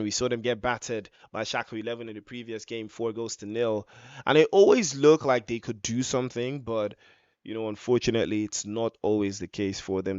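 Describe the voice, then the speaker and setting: A man doing live esports football match commentary, stretching out excited shouts on goals and big chances. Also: on the low side, clean tone, no echo, lo-fi sound.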